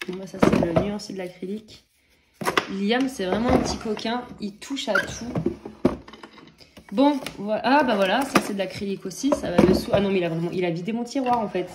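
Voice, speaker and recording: Sitting in her home office room, a French woman in her thirties with a cold chats for her coloring vlog, wandering from point to point with many fillers and restarts. She speaks at a normal speed in a mid-range voice, pausing often, over heavy background noise.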